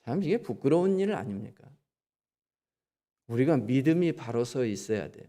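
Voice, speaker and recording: Warm-voiced man preaching a conversational sermon. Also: medium pitch, big pitch swings, moderate pace, in a large hall. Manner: conversational, asks the congregation questions and acts out quoted lines. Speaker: pastor. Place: church sanctuary.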